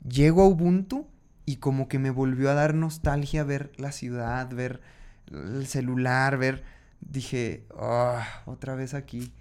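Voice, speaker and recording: A man, hosting a casual podcast and telling a personal story in an animated way, voicing his own inner dialogue. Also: medium pitch, clean tone.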